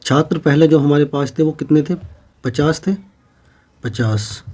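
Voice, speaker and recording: Mellow-voiced male maths teacher. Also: a little high, measured pace. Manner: works problems step by step, repeating each figure as he writes. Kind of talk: exam-prep maths lesson.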